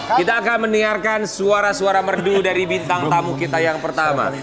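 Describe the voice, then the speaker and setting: High-voiced guy hosting a morning tv show, jokey, loud music behind. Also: steady tone, a little fast. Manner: teasing, joking banter. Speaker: TV show host.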